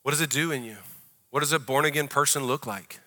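A man from the American South with a Southern accent, preaching a conversational sermon in a church and rising to loud, drawn-out prayer. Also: medium pitch. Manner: drawn-out, emphatic phrasing in the closing prayer. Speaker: pastor. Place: church hall.

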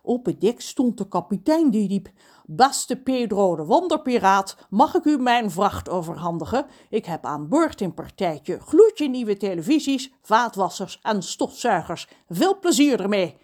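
A woman voicing a cursed, tearful male ship's cook in a children's audio story, with a high sobbing voice. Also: big pitch swings, measured pace, a little mellow. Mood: chatty.

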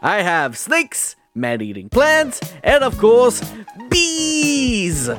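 A man's voice: huge pitch swings, very slow, fairly bright tone, heavily acted. A manic fantasy warehouse salesman, as a man puts him on, his voice leaping all over the place as he hard-sells his deals. Music plays faintly under him. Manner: over-the-top hard-sell pitch.

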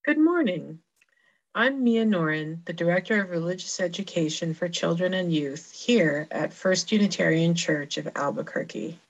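An American woman telling a story as a religious educator, leading a guided visualization in a measured, deliberate manner with hushed phrase endings. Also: lowish voice, expressive. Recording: band-limited, dull lo-fi sound.

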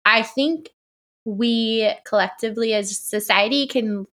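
A woman co-hosting a podcast in casual chat with her sister, chatty and quick to laugh, with a girlish voice. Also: a bit bright. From Illinois. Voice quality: high-pitched girlish voice. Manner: chatty, laughs often, many fillers. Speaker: podcast co-host.

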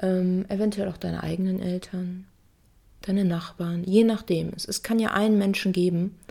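Frau mit tiefer, knarziger Stimme. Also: female voice, fairly low pitch, fairly even intonation, normal speed, gravelly, dark tone. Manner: conversational, repeats phrases, acts out examples. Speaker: podcast host. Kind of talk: casual self-help monologue.

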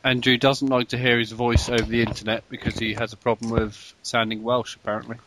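A man hosting a casual podcast about video games, chatty and quick to laugh. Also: mid-range voice, level tone, noisy background. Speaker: podcast host.

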